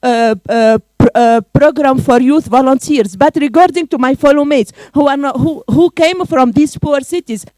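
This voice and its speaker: Woman from Tunisia, youth delegate, high pitch, dry sound, halting delivery. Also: darkish tone, no room sound. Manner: hesitant, many fillers and stumbles. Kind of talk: panel contribution.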